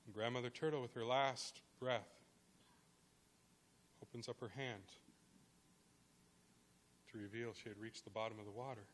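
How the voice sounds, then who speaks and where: A man tells a traditional creation legend aloud, building it with dramatic pauses and rhythmic repetition. His voice is bright and clear, and his pitch sits in the middle for a man. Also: steady tone. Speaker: guest speaker. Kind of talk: oral storytelling.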